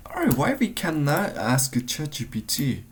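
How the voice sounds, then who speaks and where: A man's voice: a little high, huge pitch swings, a little slow, slightly rough. A man in a coding walkthrough, thinking aloud and searching for words, often trailing off mid-sentence. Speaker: tutorial maker.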